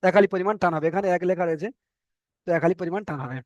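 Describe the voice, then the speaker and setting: This Bengali-accented man speaks rapid-fire in a high voice with a darkish tone, patiently explaining Arabic letter reading in an online lesson. Repeating letter names and stretching sounds as examples, he's captured on a dry, dull-sounding recording.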